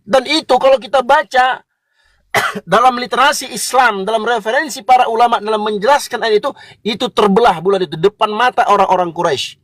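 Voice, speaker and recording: A man's voice: very high voice, a little fast, fairly bright tone, no room sound, studio quality. A man giving a combative, mocking religious lecture, lecturing listeners directly.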